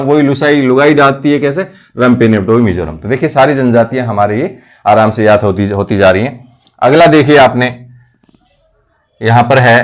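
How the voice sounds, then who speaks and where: A male coaching teacher with a medium-pitched voice explains memory tricks for competitive exam facts. He keeps posing questions and answering them himself, repeating the key words.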